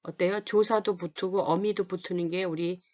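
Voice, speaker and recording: A woman's voice: fairly low pitch, steady tone, moderate pace, darkish tone. A woman giving a lesson, explaining points and often asking the class questions, then answering them herself. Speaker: Korean language teacher. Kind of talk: explanatory lecture. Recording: dull lo-fi recording.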